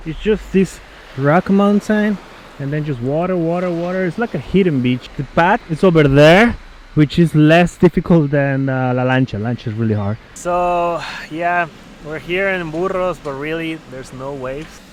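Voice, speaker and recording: A man talking casually to the camera outdoors at a beach, relaxed and laughing often. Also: on the high side, moderate pace. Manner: laid-back, laughs often. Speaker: vlogger. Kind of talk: casual vlog talk to camera. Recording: outdoor noise behind the voice.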